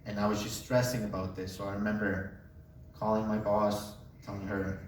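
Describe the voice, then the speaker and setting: A man's voice: on the low side, moderate pace, distant mic, a little hiss or hum. Young man telling his story in an echoey room. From Colombia. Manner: relaxed, joking storyteller. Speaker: speaker giving a testimony. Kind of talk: casual personal testimony. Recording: echoey room, voice away from mic.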